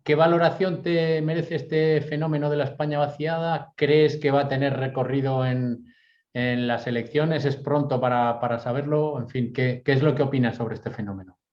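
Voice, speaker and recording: A man's voice: medium pitch, steady tone, normal speed, highs cut off. A man interviewing a guest for a local news outlet, asking questions with hesitations and restarts. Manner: hesitant, many fillers and restarts.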